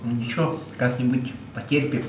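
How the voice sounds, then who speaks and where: Speaking at a moderate pace in a mid-range voice, this Yakutian truck driver narrates his road-trip vlog from a small rented kitchen indoors. He keeps it plain and casual, laughing frequently as he talks to the camera. The room echoes, and a steady noise runs underneath.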